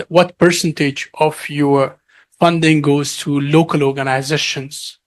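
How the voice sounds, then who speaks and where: A man from Afghanistan asking a panel a question from the audience, formal and deliberate. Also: on the high side.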